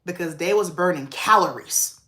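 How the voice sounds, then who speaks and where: Woman, lowish voice, casual livestream chat, preachy asides, echoey room. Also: moderate pace, sharp tone. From American South. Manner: chatty, preachy asides, addresses viewers as y'all. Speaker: makeup artist and livestream host. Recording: roomy echo.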